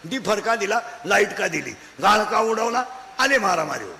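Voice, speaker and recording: High, bright-voiced preacher, shouting and scolding. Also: male voice, sing-song, normal speed, gravelly, a little hiss or hum. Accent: Maharashtrian Marathi. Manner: scolding, rhetorical questions to the crowd, sudden shouts. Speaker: kirtan preacher. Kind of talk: comic Marathi kirtan sermon. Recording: hall echo, faint ambience.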